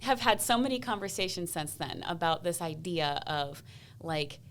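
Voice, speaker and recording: A woman guest on a podcast, telling stories in a lively way, laughing often and acting out the people in them. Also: fairly low pitch, normal speed, slight background noise. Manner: animated, laughs often, acts out voices in her stories. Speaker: podcast guest, comedian and speaker. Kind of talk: casual interview storytelling.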